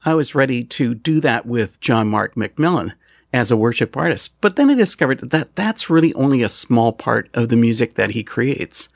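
A male show host with a gravelly edge and a middle-range pitch reads his introductions and questions in a steady, measured way. The sound is dry and close. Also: no room sound. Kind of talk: scripted introduction and interview.

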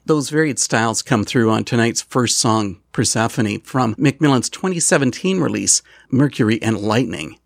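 A male show host with a gravelly edge and a middle-range pitch reads his introductions and questions in a steady, measured way. The sound is dry and close. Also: no room sound. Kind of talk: scripted introduction and interview.

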